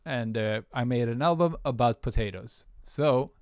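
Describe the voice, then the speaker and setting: On a music livestream, a man with a Swedish accent talks casually with viewers in a mid-range voice at a moderate pace, often filling gaps and restarting sentences. He's a producer, and the audio is echo-free and studio quality.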